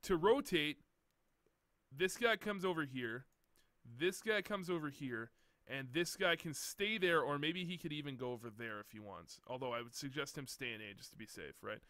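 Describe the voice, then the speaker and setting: A man's voice: on the high side, moderate pace, fairly bright tone, dry recording. A young man casually commentating over gameplay, coaching bluntly and swearing often as he points out mistakes. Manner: blunt, profane, exasperated teaching. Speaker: game coach reviewing a demo.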